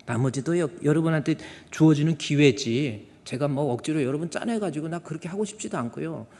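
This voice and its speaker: A man's voice: on the high side, brisk, dark tone. A male pastor preaching a sermon in a conversational way, often putting rhetorical questions to the congregation. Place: church sanctuary. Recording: long reverb of a church hall.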